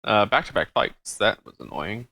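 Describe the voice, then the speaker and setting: A man's voice: on the low side, lively intonation, normal speed, bright, forceful tone, slight background noise. A man hosting a let's play, giving casual gameplay commentary and thinking aloud with frequent ums and uhs.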